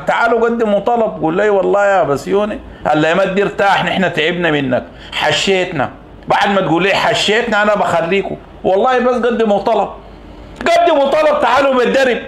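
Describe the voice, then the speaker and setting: A Sudanese man with a Sudanese Arabic accent delivering a combative, impassioned political monologue. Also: echoey room. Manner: combative, swings from low mutters to shouted taunts. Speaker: political commentator.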